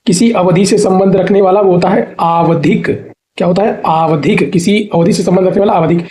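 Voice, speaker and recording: High-voiced man drilling exam vocabulary. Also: steady tone, moderate pace, mellow. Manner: repeats each answer, asks and answers own questions; spells words out syllable by syllable. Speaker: Hindi exam teacher. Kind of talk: online exam-prep class.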